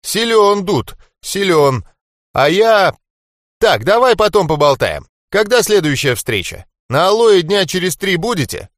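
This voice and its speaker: A man's voice: high voice, big pitch swings, unhurried, no echo, clean studio sound, pitched above the performer's own voice, exaggerated voice. A man voicing a brash, jeering fighter. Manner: loud, jeering, laughing taunts. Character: brash cocky swearing male fighter, mocking. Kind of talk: audiobook character voice.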